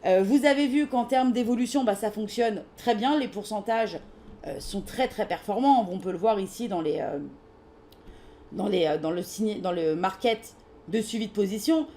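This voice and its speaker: A woman with a French accent presents a live webinar on trading software, reading out and answering questions. She's casual and hesitant, using frequent fillers, speaking at a medium pitch and moderate pace.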